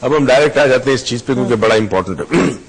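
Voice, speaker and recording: A man's voice: medium pitch, racing, a little hiss or hum. A man appearing as an expert guest on a talk show, explaining ideas methodically, step by step, with examples.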